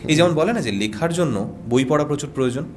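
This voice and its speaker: A man's voice: a little high, animated, fast, music in the background. Earnest Bengali radio voice artist man. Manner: earnest, emphatic advice with rhythmic repetition. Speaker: radio jockey and voice artist guest. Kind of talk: podcast conversation.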